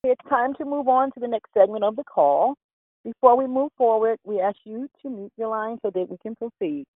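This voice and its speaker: A woman reading scripted announcements and scripture in a formal, measured way as hostess of a phone prayer call. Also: on the high side. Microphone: telephone. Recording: tinny phone conference line, roomy echo.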